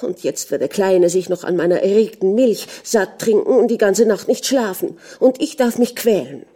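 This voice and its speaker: Storybook: a woman reading an indignant young wife, emotional, warm tone. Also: mid-range voice, normal speed, voice pushed up, close to an everyday voice. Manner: pleading, then indignant.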